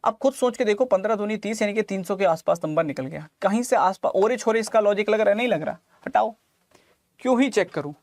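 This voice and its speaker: A fast-talking man whose voice sits high and sounds a little mellow gives an online exam coaching lesson on reasoning. On a dry recording, he works through calculations stepwise, uses English terms, and fondly calls students lalla and mere lal.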